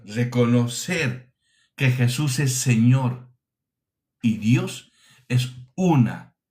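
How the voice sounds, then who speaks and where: A man's voice: mid-range voice, darkish tone. A man from preaching a teaching sermon, emphatic, asking rhetorical questions and repeating his phrases.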